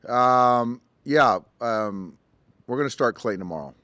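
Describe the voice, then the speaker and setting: A middle-aged man, a baseball manager, answering postgame press conference questions in a measured, halting way with many ums, at a table mic. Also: medium pitch, lively intonation, sharp tone, dry recording. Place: press conference room, indoors. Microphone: table mic in front.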